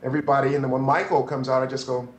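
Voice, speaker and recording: A man in his fifties, a photographer telling stories as an interview guest, animated and prone to restarts. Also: mid-range voice, racing, reverberant, dull audio, a little hiss or hum. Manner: animated, restarts and acts out quotes. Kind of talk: anecdotal interview storytelling.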